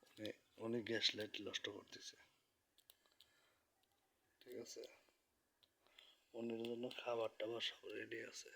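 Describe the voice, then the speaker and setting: Man, home vlogger, hushed late-night talk into a phone, breathy and even. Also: fairly low pitch. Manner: speaks softly to keep from waking neighbors. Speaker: pet bird vlogger. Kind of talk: quiet night-time vlog narration. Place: indoors at home, in bed.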